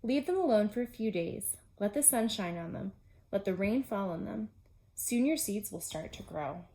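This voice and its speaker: A woman's voice: medium pitch, expressive, normal speed, dark tone, natural voice. A woman voicing a sensible male frog in a children's storybook, friendly, firm and instructive. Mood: reassuring, explaining. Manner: matter-of-fact, instructive.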